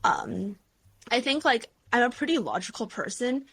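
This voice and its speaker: A woman's voice: fairly high pitch, animated, moderate pace, fairly bright tone, breathy edge. Chatty young woman sprinkling "like" everywhere. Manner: chatty, heavy use of "like". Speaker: guest, beauty content creator. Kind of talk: casual interview chat.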